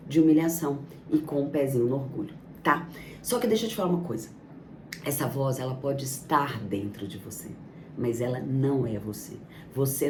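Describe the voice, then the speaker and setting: A woman's voice: extremely low pitch, dark tone, far from the mic, a little hiss or hum. A woman giving a motivational self-help talk as a coach, speaking emphatically in long lists and rhetorical questions. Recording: echoey room, off-mic, faint ambience.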